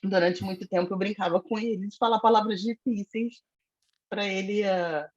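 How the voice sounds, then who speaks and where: A woman with a Brazilian Portuguese accent, a guest in a casual podcast conversation, telling stories with lively, blunt, foul-mouthed energy. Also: mid-range voice, moderate pace, lo-fi sound. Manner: animated storyteller, self-described foul-mouthed.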